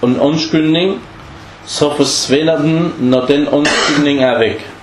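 A man teaching a class on Islamic legal maxims, often asking the students questions and acting out short example dialogues. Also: on the high side. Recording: echoey room with faint background noise.

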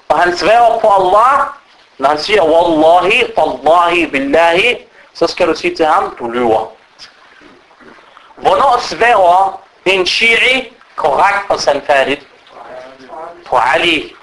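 Guy preaching, high voice, lively storytelling, keeps asking the crowd questions. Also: low-quality recording. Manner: animated, rhetorical questions to listeners. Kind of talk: religious lecture.

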